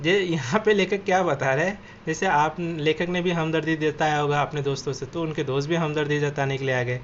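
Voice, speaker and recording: A man's voice: fairly high pitch, fairly even intonation, brisk. A man teacher reads a textbook passage aloud, then explains it line by line and glosses the harder words. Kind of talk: reading and explaining a textbook lesson. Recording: dull lo-fi audio with faint noise.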